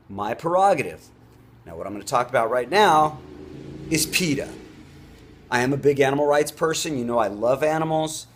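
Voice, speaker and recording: Indignant man on an emphatic rant. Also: medium pitch. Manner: emphatic, indignant, stressing words. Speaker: show host. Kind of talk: off-the-cuff opinion rant.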